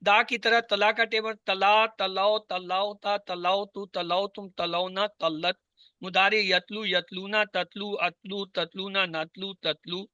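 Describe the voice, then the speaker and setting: A high-pitched man teaches an online class, drilling tables and repeating answers with patience. His tone is very bright, and the sound is dry and close on a video call. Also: little pitch movement, clear, resonant tone, no echo. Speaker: Arabic teacher.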